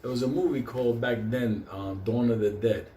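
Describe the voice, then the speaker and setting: A mid-range, mellow voice at a normal speed carries casual, profane comedic storytelling. The speaker, a host whose first language is Spanish and who comes from Puerto Rico or a Puerto Rican community, rambles, swears heavily, and laughs often. There's a roomy echo along with faint background noise.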